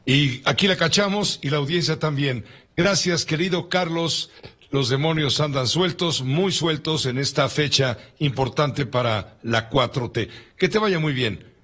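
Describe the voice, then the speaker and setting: A man's voice: on the high side, unhurried, fairly bright tone, slightly rough. A man with a Mexican accent hosting a radio news show, chatting casually, joking and reading out listener messages.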